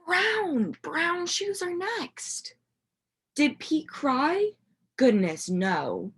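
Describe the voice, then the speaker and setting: Like a teacher with a class of young children, a woman reads a picture book in an expressive, questioning way. Her voice is slightly husky and sits high; she tells the story with animation, dramatic emphasis and pauses, inviting the kids to answer questions.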